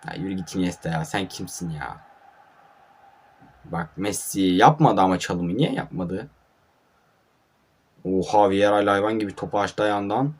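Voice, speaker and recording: A man's voice: deep voice, moderate pace, pauses often, breathy edge. A young man casually commentating his own mobile football match, sleepy and grumbling, with frustrated outbursts at his players. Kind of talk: casual live gameplay commentary. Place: at home at night.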